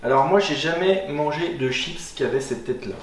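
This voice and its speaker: A man's voice: on the high side, expressive, a little fast. A man from France, chatting casually as he hosts a tasting. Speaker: host of a snack blind tasting. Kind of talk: casual chat. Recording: roomy echo, distant mic, faint noise.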